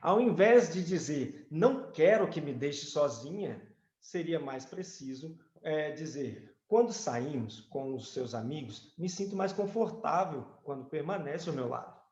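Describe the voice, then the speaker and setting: A Brazilian man co-hosting a couples mentoring session, calm and agreeable as he reads examples aloud. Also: on the high side, a little slow. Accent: Brazilian Portuguese. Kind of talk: reading and commenting in a couples workshop. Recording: echoey room, dull lo-fi sound.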